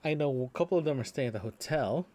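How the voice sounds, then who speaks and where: This podcaster's casual audio diary is unscripted, halting and full of trailing asides. His medium-pitched voice is a little mellow, with lively intonation.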